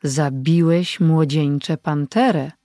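An old hermit healer and sorcerer, played by an audiobook reader, gives orders with calm authority. He speaks like a stern elder who expects to be obeyed. The storybook recording is dry, with no room sound. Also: mid-range voice, takes it slowly, no room sound. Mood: earnest. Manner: commanding, authoritative. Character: old male mountain healer and sorcerer, commanding.

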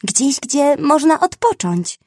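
A woman voicing a brave, eager young female rhinoceros who talks high and flustered. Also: sing-song, slow, darkish tone, no room sound, clean studio sound, full character voice.

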